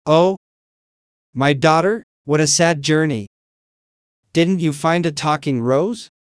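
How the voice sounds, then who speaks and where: A man's voice: fairly high pitch, takes it slowly, dry recording, studio quality. A man doing a devoted, brave young daughter. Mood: worried. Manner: earnest, solemn.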